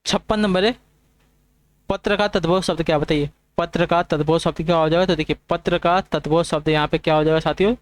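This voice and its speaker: A man's voice: fairly high pitch, steady tone. A young man teaching an online exam prep class, stepping through quiz questions and checking in with students often. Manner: fast, repetitive checking-in with students.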